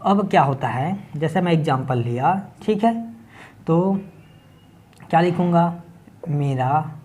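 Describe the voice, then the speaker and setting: A man from Chhattisgarh teaches English grammar at a board, speaking Hindi with a local accent. He works through it step by step and keeps checking in with his class by saying "ठीक है". His voice is a little high and a little mellow.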